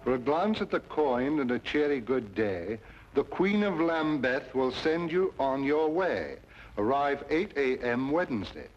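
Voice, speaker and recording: An actor playing a brisk, earnest Scotland Yard inspector with an official manner in an old-time radio drama. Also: male voice, medium pitch, lively intonation, soft background music, close to an everyday voice. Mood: businesslike. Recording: muffled, noisy old radio recording.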